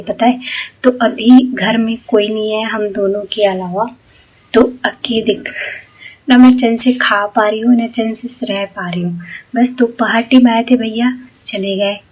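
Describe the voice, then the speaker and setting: A woman who works as a nanny and house helper casually narrates her day step by step on her phone, moving through an apartment, a balcony and a park. Her mid-range voice is steady and breathy-edged at a normal pace, and the recording has loud background noise.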